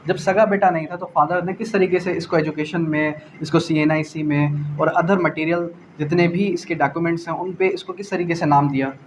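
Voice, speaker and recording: A Pakistani-accented man with a fairly high, steady voice moves through a law lecture at normal speed, hardly pausing at all. In a teacherly way he repeats phrases, raises rhetorical questions and drops in English legal terms. The recording is lo-fi and dull, with faint background noise.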